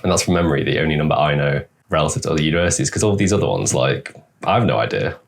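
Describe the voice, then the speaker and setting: A young man hosts a reaction video, casually talking back at the clips with quick sarcastic asides. His voice is a rumbling, gravelly low, and he sounds animated.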